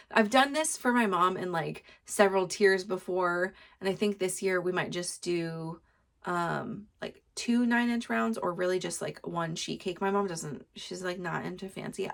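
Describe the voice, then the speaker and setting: A woman's voice: medium pitch, creaky, fairly bright tone. A woman in her thirties hosting a podcast, chatting casually in a rambling way with plenty of fillers and small laughs. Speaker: podcast host. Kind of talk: casual solo chat.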